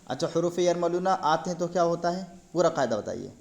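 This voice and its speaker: Man, fairly high voice, patient tutor, checks understanding, quick praise. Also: animated, gravelly, a little mellow. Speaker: Quran recitation teacher. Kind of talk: one-on-one tutoring lesson.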